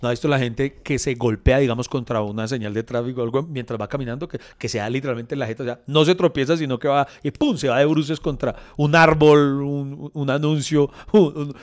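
A young man, co-hosting a podcast in casual chat, telling lively anecdotes and laughing often. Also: medium pitch, fairly quick, hardly any pauses. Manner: animated storytelling, laughs often, mock voices. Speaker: podcast co-host.

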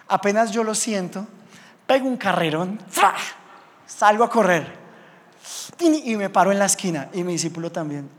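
A high-voiced pastor preaches to a congregation and tells his stories with lively sound effects. His voice carries a long reverb from a large hall. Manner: animated storytelling, acts out scenes with sound effects. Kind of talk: sermon.

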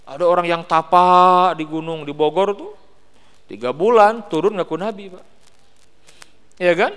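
A man with a West Javanese accent giving a lively sermon, joking and asking the congregation questions. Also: high-pitched, in a large hall. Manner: animated, teasing, asks the crowd questions. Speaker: preacher. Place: mosque hall.

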